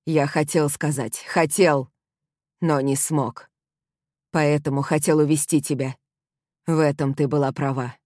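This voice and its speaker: A woman voicing a guilty young man pleading with his lover in an audiobook, in a lowish voice. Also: fairly even intonation, measured pace, pauses often, a little mellow, no room sound, studio quality. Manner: urgent, pleading. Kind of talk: audiobook character reading.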